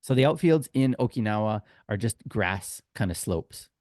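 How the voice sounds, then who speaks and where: His lowish, expressive voice is a little mellow and moves at a normal speed. As co-host of a casual sports podcast and a tour guide, he tells stories informally and performs the quoted back-and-forth. The recording is dry, clean studio sound.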